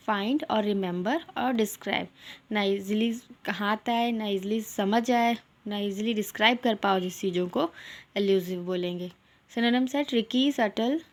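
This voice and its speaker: A young woman teaching English vocabulary in an online lesson. She mixes English words into her explanations and reads example sentences slowly. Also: fairly high pitch. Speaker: English teacher for exam aspirants.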